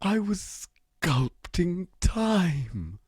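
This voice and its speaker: An actor playing a pompous, grandiose older stage actor who declaims theatrically in a comedy radio sketch. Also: male voice, high-pitched, very animated, very slow, darkish tone, breathy edge, dry recording, studio quality, heavily acted. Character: pompous old theatrical ham actor man.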